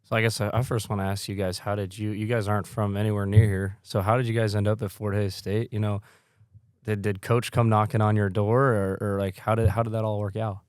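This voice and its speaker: A man's voice: fairly low pitch, little pitch movement, a little fast, a little mellow, smooth, no room sound, studio quality. A man co-hosting a podcast, asking rambling questions full of restarts. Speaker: podcast co-host. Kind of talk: casual interview questions.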